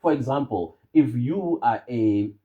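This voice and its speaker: A man's voice: mid-range voice, expressive, unhurried, phone-quality sound. A man with a South African accent giving informal, opinionated commentary as a channel host, emphatic and repeating phrases for stress.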